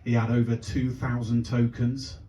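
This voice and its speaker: A man's voice: mid-range voice, level tone, moderate pace. A man, doing a stand-up comedy set and chatting with and teasing the crowd. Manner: chatty, teasing the crowd, shouted voices for the punchlines. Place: comedy club stage before a live audience. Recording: echoey club recorded from a distance.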